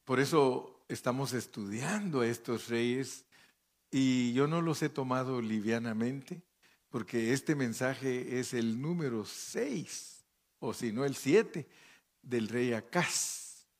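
A man's voice: medium pitch, slow pace. A man preaching as a pastor, reading scripture aloud and commenting between the verses, often checking in with his listeners with short questions. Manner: checks in with listeners by asking "¿sí?" and "¿verdad?". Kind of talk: sermon with Bible reading.

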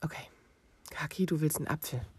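A man voicing a hurried but patient father who explains things loudly and firmly. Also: fairly high pitch, breathy edge. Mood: probing. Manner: loud, insistent, calm explaining under time pressure.

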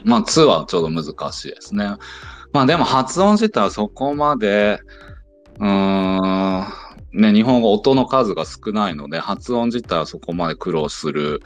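A man's voice: fairly low pitch, animated, normal speed, soft background music. A man who teaches Japanese in the United States, patiently explaining things in a casual online audio chat.

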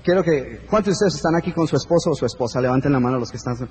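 A man with a fairly high voice delivers a live motivational talk, emphatic and repetitive. He speaks straight to his audience. A long hall reverb trails behind his words. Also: expressive, racing, darkish tone.

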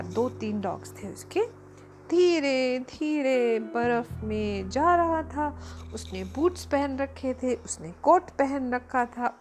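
Brief: woman storyteller for kids, unhurried and gentle, high voice. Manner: gentle, expressive, repeating words. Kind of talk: children's story narration.

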